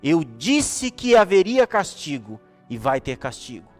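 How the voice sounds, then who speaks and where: A man voicing a very serious mother who scolds her son, speaking quietly and firmly. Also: a little high, sing-song, measured pace, pitched below the performer's own voice. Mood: stern. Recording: echoey hall with soft music.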